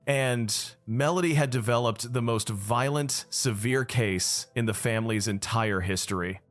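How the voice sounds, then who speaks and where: A man's voice: medium pitch, a little slow, no echo, faint music behind. A man narrating a dramatic story recap in the first person.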